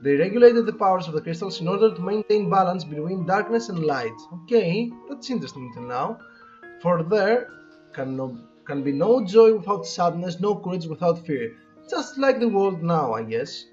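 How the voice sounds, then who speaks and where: A man with a noticeably high voice hosts a relaxed let's play of a game, reading its text aloud and adding chatty, halting asides. Game background music plays behind him, and his mic sounds dull and lo-fi.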